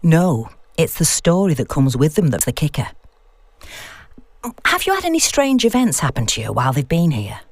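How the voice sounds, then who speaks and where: Here a woman plays the same knowing, unflustered academic who spins spooky tales in an audiobook, using a low, sing-song, exaggerated voice at a moderate pace. The recording is dry, and the mood is eerie storytelling in audiobook dialogue.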